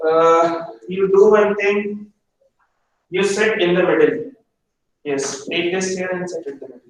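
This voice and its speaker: A man's voice: sits high, fairly even intonation, a little slow, a little hiss or hum. A man teaching a hotel management practical class, stern and repetitive, pressing students for answers. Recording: echoey room from far off.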